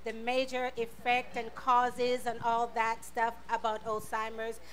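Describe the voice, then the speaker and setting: A woman's voice: on the high side, completely flat delivery, measured pace. A woman hosting a live community radio talk show, thanking sponsors and welcoming guests to an audience.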